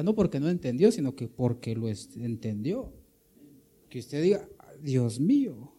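A man's voice: medium pitch, dark tone. A man with a Guatemalan Spanish accent preaching a sermon, emphatic and full of rhetorical questions, often calling listeners brother.

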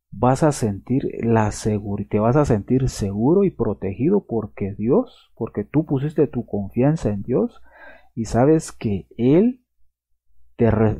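Gravelly husky-voiced male preacher. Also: medium pitch, warm tone, no echo. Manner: earnest, repeats himself, tags lines with a questioning aside. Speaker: pastor. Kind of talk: sermon. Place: church or teaching setting with slides.

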